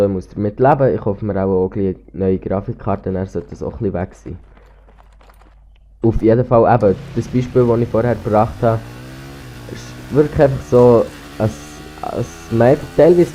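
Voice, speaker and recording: Slightly sick with a cold, a Swiss teenage boy with a Swiss German accent rambles casually over gameplay for his gaming YouTube channel, hesitant and constantly restarting with ums. His voice is medium-pitched and mellow. There's a little hiss or hum from his cheap gaming headset.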